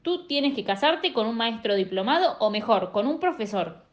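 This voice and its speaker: A stern old grandfather, put on by a woman reading aloud, scolding in a disapproving tone. Her storybook voice stays fairly high. The recording is dull and lo-fi. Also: lively intonation, moderate pace, natural voice.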